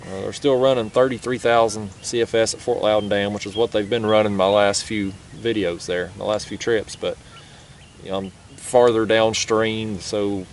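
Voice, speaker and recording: A young man, talking casually to camera from a kayak on a foggy river, easygoing and chatty. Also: lowish voice. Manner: easygoing, chatty, drawls "y'all" and "ain't". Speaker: fishing vlogger. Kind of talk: casual talk to camera while fishing. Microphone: action camera mounted on the kayak. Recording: faint outdoor river noise.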